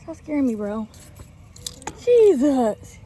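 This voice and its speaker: A woman's voice: sits high, big pitch swings, takes it slowly, mellow, slight background noise. A woman from Dallas, Texas, chatting casually outdoors for a vlog, scolding and soothing a child between remarks to viewers. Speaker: vlogger. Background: music.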